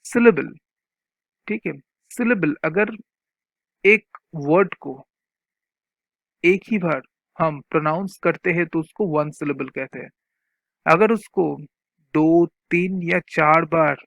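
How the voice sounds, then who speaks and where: A man teaching English grammar, explaining points slowly and repeating them, reading example sentences out word by word. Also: fairly high pitch, creaky, fairly bright tone, no echo. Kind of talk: explaining grammar from a chart, mixing Hindi and English.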